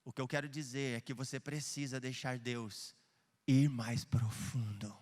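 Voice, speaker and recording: A man in his thirties preaching a sermon as pastor, swinging from fervent shouting to hushed, personal confession. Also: mid-range voice, steady tone, unhurried. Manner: impassioned, rising to shouts then dropping to quiet confession. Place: church hall. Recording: live church stream with long hall reverb.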